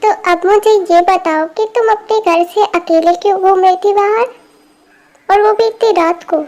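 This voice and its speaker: A woman voicing a calm, caring young man in an amateur fan dub, with a gentle, reassuring manner. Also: extremely high pitch, normal speed. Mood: scolding.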